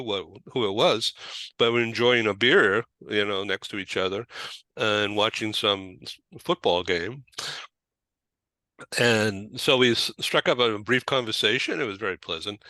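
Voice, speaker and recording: A man's voice: on the low side, sharp tone, dry recording. An American man hosting a talk show, chatting casually with many fillers and restarts. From United States. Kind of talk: casual interview chat.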